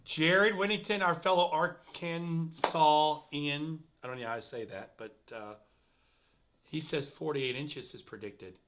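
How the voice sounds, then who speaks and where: A middle-aged man hosting a casual livestream chat, animated and reading viewer comments aloud. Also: a little high, unhurried. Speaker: host.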